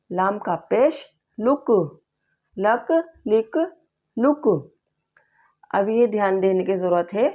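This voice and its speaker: A woman teaching Urdu reading, slowly sounding out and patiently repeating each syllable. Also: medium pitch. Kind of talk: slow spelled-out reading lesson. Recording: slightly dull lo-fi sound.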